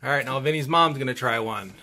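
Low-pitched woman chatting casually. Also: fast, pushed and bright. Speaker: off-camera co-host and camera operator. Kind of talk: casual chat, prompting on camera. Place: indoors in a home room.

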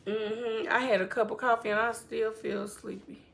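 A woman's voice: fairly high pitch, steady tone, vocal fry, a bit bright. A woman hosting a casual live stream from home, chatting to viewers and to her houseplants. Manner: slow, chatty, talks to her plants and to viewers reading comments.

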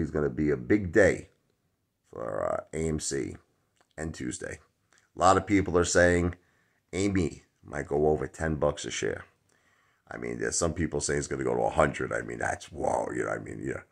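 A man, chatting rambly to his phone camera in a dark room at home. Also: very deep voice, expressive, normal speed, creaky. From Brooklyn, New York. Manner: rambling, chatty, many fillers. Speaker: stock vlogger. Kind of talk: casual chat to camera. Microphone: phone at arm's length.

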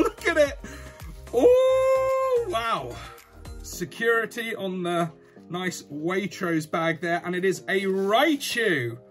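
High-pitched, excited British man announcing giveaways. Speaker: YouTube host. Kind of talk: casual unboxing and giveaway vlog. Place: small indoor room at a desk.

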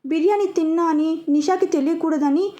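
A woman's voice: very high voice, moderate pace, warm tone, lo-fi sound. A woman voicing a carefree young man who talks coolly and teasingly, in a spoken story. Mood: casual. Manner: cool, teasing, offhand.

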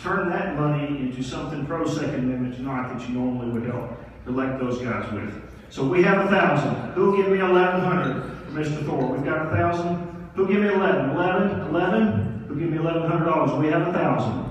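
A man working as a charity auctioneer, calling out bids briskly and coaxing the crowd to raise them. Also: a little high, slight background noise. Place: large hotel ballroom. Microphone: handheld mic, filmed from far back. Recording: echoey ballroom from far off.

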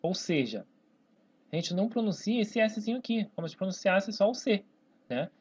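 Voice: medium pitch, expressive, normal speed, darkish tone, husky. A teacher with a Brazilian accent giving a whiteboard grammar lesson. They stretch words out syllable by syllable and keep checking in with "né?" and "tá, pessoal?". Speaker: Portuguese teacher. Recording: dull lo-fi recording.

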